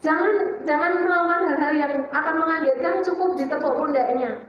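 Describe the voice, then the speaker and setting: A woman teacher with a Javanese-tinged Indonesian accent gives a lively religious talk to women, firing off questions and answering them herself. Her voice sits high and bright. She is heard from a distance in a very echoey hall. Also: fairly quick, dull audio, slight background noise. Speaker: Islamic teacher and psychologist.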